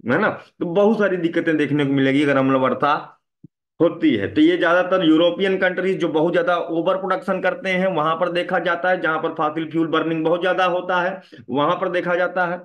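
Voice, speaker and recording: A man's voice: on the high side, steady tone, fairly quick. A man teaching a classroom lecture, often asking students questions and repeating a tag after his points. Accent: Hindi.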